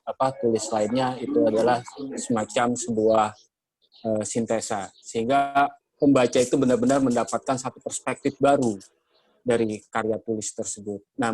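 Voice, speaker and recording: An Indonesian man moderating a journalism training session, speaking in a measured way with many hesitations. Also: mid-range voice, a little mellow, slight background noise, rough recording. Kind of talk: workshop moderation, lecturing.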